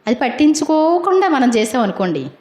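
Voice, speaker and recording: A woman's voice: high-pitched, big pitch swings, fairly quick, darkish tone. Echoey woman preaching a colloquial sermon. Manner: colloquial, keeps asking the congregation questions.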